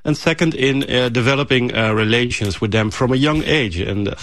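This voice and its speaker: A man's voice: medium pitch, brisk, a bit bright, no room sound. Thoughtful middle-aged man, dry sound. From Morocco. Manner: thoughtful, hesitant with many fillers. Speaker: journalist. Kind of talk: news interview.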